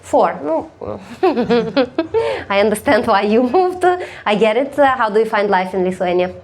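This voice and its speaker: Frech neckende Komikerin, etwas hohe Stimme. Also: female voice, on the high side, animated, a little slow, slight background noise. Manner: blunt, teasing, laughs often. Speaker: stand-up comedian. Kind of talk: stand-up crowd work. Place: live comedy stage.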